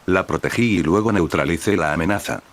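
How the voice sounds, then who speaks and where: A man reading the lines of a calm, precise young witch girl, speaking in a clear, even and matter-of-fact way. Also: deep voice, fairly quick, close to an everyday voice.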